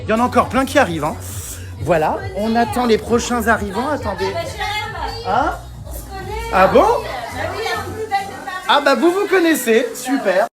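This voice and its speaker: An exuberant man hosting a vlog, with a high voice that swings widely in pitch. He fills his excited commentary with theatrical exclamations as he walks through indoor museum rooms. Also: moderate pace, music in the background, crowd noise. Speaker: vlog host.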